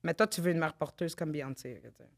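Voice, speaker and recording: A woman's voice: low-pitched, fast, gravelly. A woman in her thirties with a Québécois French accent co-hosting a casual podcast chat, reflective and teasing, with many fillers. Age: 30s. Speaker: podcast co-host.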